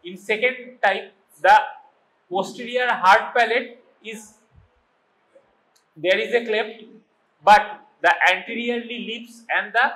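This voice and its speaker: Bright-voiced Bengali man lecturing slowly. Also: high voice, rough recording. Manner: mixes English and Bengali, quizzes students informally. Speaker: medical college lecturer. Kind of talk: classroom lecture.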